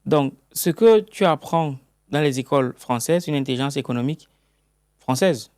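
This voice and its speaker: A man's voice: on the high side, moderate pace, a little mellow, dry recording, studio quality. A man interviewing a guest, posing long, reasoned questions and giving short murmurs of agreement while listening. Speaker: interviewer working in the book field.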